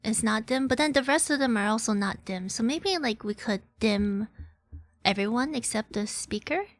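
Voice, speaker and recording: Giggly high-voiced woman streamer. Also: animated, moderate pace. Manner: giggly, playful, often laughing. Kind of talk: casual game stream chat.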